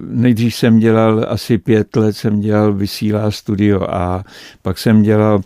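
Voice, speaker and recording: A man's voice: fairly low pitch, warm tone, dry recording, studio quality. An older man, an actor and entertainer, reminiscing in a radio interview and telling long anecdotes full of hesitations. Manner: rambling anecdotal storyteller, frequent hesitations.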